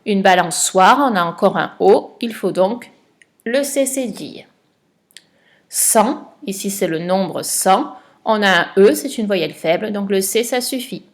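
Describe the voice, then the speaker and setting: Animated yet a little mellow, a medium-pitched woman teacher leads a recorded spelling lesson for a child at home. She's slow and patient, drawing out every word for dictation.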